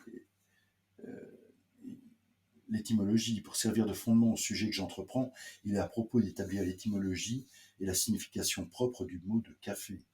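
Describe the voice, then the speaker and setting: A low-voiced man reads old prose aloud in a steady tone, then drifts into halting asides full of fillers and restarts. He sounds like a host chatting about books from home. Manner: hesitant, many fillers and restarts between readings. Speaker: literary show host reading excerpts. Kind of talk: reading aloud and casual commentary.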